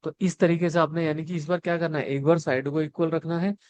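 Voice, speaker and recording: A young maths teacher talks fast in a high-leaning, darkish voice with fairly even intonation. He explains each step, asks his students questions and answers them, moving between Hindi and English.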